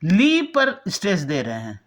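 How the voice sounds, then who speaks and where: A woman's voice: fairly low pitch, wildly swooping pitch, measured pace. A woman teaching a language lesson, patiently explaining spelling and repeating words aloud to demonstrate how they sound. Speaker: Hindi teacher.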